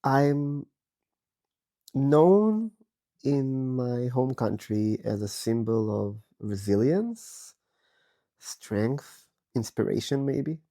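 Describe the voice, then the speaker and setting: Recording from bed in his bedroom, an Israeli podcast host speaks slowly in a raspy, hoarse voice, the result of a virus. His mid-range voice has a dark tone and lively intonation as he delivers a thoughtful, candid personal monologue full of pauses.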